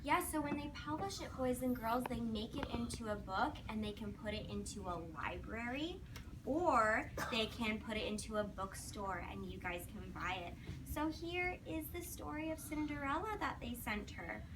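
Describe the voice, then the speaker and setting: A woman teacher's fairly high voice, at normal speed, carries through a noisy classroom as she leads a read-aloud lesson for young children. She poses questions, gives simple instructions, and offers praise. The microphone is placed at a distance.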